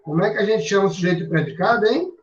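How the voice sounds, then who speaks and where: A man's voice: high voice, very fast. A man with a Brazilian Portuguese accent teaching a grammar lesson, emphatic and drawn out, with frequent tag words. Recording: roomy, distant, dull lo-fi sound.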